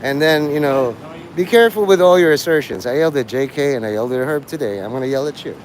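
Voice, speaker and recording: Clear traffic and vehicle noise from outdoors fill this rough recording of a man live streaming. He talks fast and expressively in a mid-range voice, delivering a casual monologue to listeners that is rambling, digressive and blunt, with profanity.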